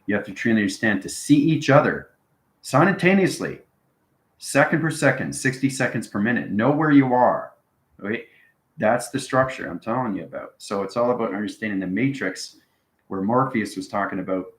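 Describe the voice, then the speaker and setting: A low-voiced man in an echoey room answers live viewers on a spiritual livestream, giving a rambling, instructional explanation full of check-in tags like "okay" and "right." He sounds expressive and talks at normal speed.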